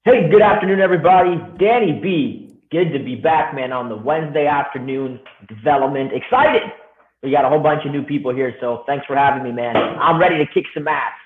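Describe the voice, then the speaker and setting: An upbeat man talks to a webinar audience in a direct, casual way. His voice sits a bit high and comes through a tinny, echoey call line. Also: fairly quick, slight background noise. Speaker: guest speaker. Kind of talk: webinar teaching.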